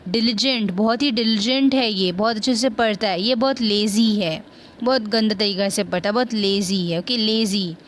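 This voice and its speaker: A woman teaching a vocabulary lesson, explaining in Hindi and slowing right down to read English example sentences, often checking in with her listeners. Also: mid-range voice, slight background noise.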